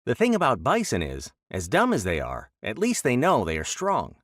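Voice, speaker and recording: A man voicing a boastful, chattering little male trickster rabbit in an animated audiobook tale. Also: medium pitch, normal speed, no room sound, studio quality, voice pushed up. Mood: boastful, taunting. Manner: cocky, jabbering trickster-tale storytelling.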